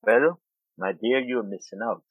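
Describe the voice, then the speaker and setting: A middle-aged man from Guyana, an urban farmer and food activist, speaks at a measured pace in a mid-range voice as an interview guest on farming. Thoughtful, he repeatedly echoes words while looking for them. The dry recording comes over a tinny, phone-like line.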